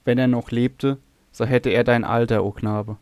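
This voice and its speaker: A man's voice: mid-range voice, flat delivery, moderate pace, a little mellow, no echo, natural voice. A man voicing a troubled noble queen, speaking sadly and guardedly. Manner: sad, guarded.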